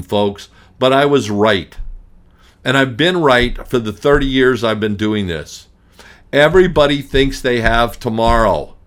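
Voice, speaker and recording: A man's voice: mid-range voice, a bit bright. A middle-aged man hosting a radio talk show as an estate planning attorney, ranting emphatically and hammering points through repetition, with frequent restarts. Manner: frequent restarts, blunt and grumpy.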